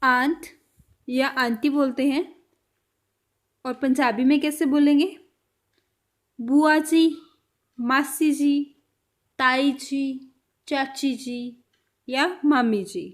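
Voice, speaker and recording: A woman teaching a vocabulary lesson, saying each word and then repeating it, with her voice trailing off softly at the end of a phrase. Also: high-pitched, steady tone, extremely slow, long pauses. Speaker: language teacher.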